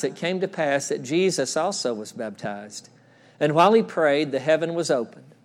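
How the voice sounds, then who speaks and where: In a church sanctuary, a middle-aged male pastor delivers an earnest sermon in a slightly high voice. He repeats phrases and drops to a soft hush whenever he quotes someone.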